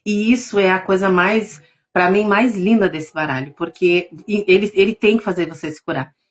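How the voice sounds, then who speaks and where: A woman's voice: mid-range voice, normal speed. Heartfelt Brazilian woman on a lo-fi call. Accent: Brazilian Portuguese. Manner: emotional, heartfelt storytelling. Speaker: guest, tarot reader. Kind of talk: casual testimony in a live interview.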